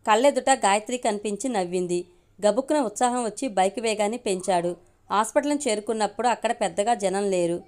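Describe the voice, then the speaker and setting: A woman storyteller reading a love story aloud with steady, measured narration. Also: mid-range voice.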